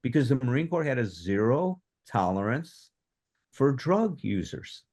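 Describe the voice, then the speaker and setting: A man in his seventies telling his own story in animated fashion at a recovery workshop, acting out the voices of people in it. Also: mid-range voice, a little slow. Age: 70s. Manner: animated, acts out quoted dialogue. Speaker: workshop speaker on addiction recovery. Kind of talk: personal storytelling.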